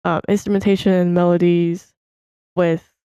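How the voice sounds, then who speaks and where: Low, smooth-voiced woman opera singer. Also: level tone, normal speed, warm tone, no echo. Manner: thoughtful, hesitant, many fillers. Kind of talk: casual reaction chat.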